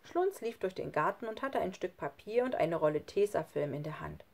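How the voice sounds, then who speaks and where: Eine Frau, die ein Kinderhörbuch ausdrucksvoll vorliest. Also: female voice, fairly low pitch, moderate pace. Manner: expressive storytelling. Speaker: audiobook reader. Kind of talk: children's audiobook narration.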